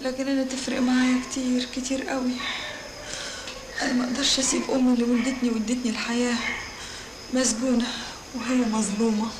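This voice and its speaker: A woman's voice: on the high side, flat delivery, quick pace, pauses often, echoey room, background noise, lightly acted. An actress with an Egyptian accent playing a young policewoman who emotionally confronts her mother. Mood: pleading. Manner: emotional, pleading. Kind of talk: film drama acting.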